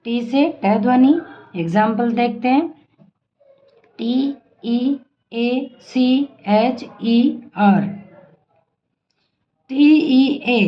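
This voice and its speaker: A woman teaching an English phonics lesson, spelling words out letter by letter and asking drill questions, slow and patient. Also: on the high side, dull audio. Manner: asks and answers her own drill questions.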